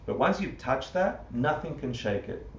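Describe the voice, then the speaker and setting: A man teaching a Buddhist class live to an audience, animated, full of rhetorical questions and often laughing. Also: medium pitch, unhurried, slight background noise. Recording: roomy, distant, muffled livestream audio.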